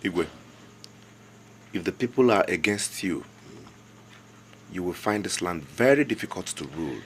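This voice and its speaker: A man's voice: sits low, expressive, measured pace, a bit bright, slight background noise. An actor playing a respectful but insistent young local government chairman with a Nigerian accent, earnest and deferential while pressing his point. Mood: pleading. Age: young adult. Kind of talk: film drama acting.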